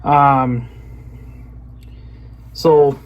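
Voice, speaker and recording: In a casual unboxing chat, a male video creator shows viewers an item, rambling and trailing off mid-sentence. His mid-range voice is flat, with drawn-out words, and the audio sounds dull, with clear background noise.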